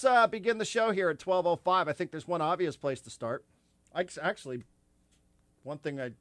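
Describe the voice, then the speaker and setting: A man hosting a sports talk radio show from the studio, talking in an animated, rambling way with lots of repeated words. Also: mid-range voice, no echo. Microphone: studio microphone.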